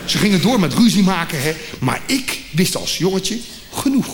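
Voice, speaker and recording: A man from The Hague tells a comic story on stage, in a slightly high voice that jumps about as he acts out every voice. The live theatre recording carries a long hall reverb, with audible background noise and audience laughter. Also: sing-song, moderate pace. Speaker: comedian.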